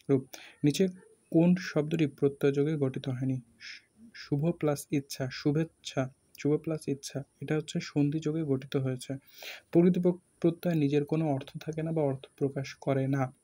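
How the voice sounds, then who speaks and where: A man with a Bangladeshi Bengali accent, walking through exam questions as a tutor, talking haltingly with many fillers and pauses. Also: a little high, mellow, husky.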